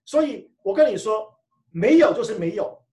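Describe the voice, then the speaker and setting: Animated male preacher in an echoey hall. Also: high voice, moderate pace. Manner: animated storytelling, often restarting phrases. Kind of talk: sermon with personal testimony. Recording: echoey room, mic far off.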